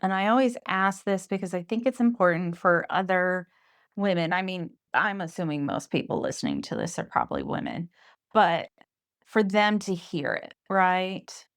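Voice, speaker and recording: A woman's voice: on the low side, expressive, normal speed. A woman hosting a podcast interview, enthusiastic and affirming toward her guest. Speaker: podcast host.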